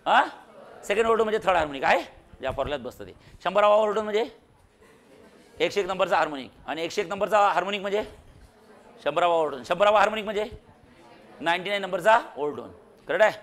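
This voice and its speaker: A man's voice: high-pitched, expressive, fast talker, pauses often, fairly bright tone. A man teaching a physics class in a classroom, quizzing and teasing his students with jokes. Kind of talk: classroom lecture.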